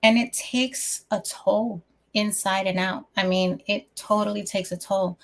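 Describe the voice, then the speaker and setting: A woman hosts her own casual talk show as a life coach. Her voice has a gravelly edge, and she sounds a little out of breath. She rambles, restarting her sentences and filling pauses as she goes. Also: medium pitch, steady tone. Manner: rambling, many restarts and fillers.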